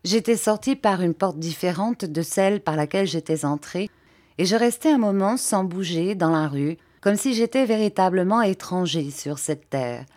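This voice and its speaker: A woman narrating a classic novel as an audiobook reader, measured and expressive. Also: on the low side. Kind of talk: scripted narration.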